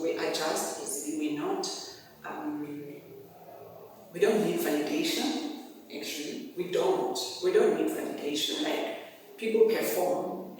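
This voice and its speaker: A middle-aged woman hosting a family conversation podcast, speaking slowly and reflectively as she searches for her words. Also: deep voice, darkish tone, slight background noise. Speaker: podcast host and mother. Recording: echoey hall, distant mic.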